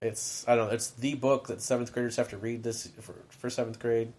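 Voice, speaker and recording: On a podcast microphone, a man who co-hosts a podcast and teaches middle school speaks briskly with medium pitch, fairly even intonation, and a slightly mellow quality. His talk is rambling and chatty, peppered with "like" asides.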